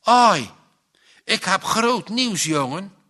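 A woman's voice: medium pitch, lively intonation, slow, bright, forceful tone, pitched above the performer's own voice, heavily acted. A man reading a storybook, voicing a nosy farm wife bursting with gossip. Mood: eager gossip. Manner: eager, indignant.

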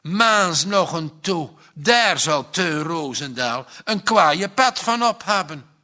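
A man's voice: fairly high pitch, expressive, slow pace, pushed and bright, full character voice. A male narrator voicing a worn-out farmhand who grumbles in a storybook. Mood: grumbling.

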